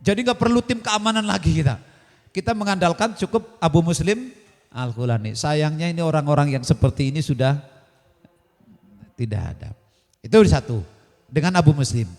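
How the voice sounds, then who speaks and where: A man leading a religious study session. He tells stories in a high, animated voice that swoops up and down, and keeps turning to the listeners with questions. The broadcast carries a long hall echo. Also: moderate pace, pauses often. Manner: storytelling preacher asking the audience questions and answering himself. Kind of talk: Islamic study sermon on radio.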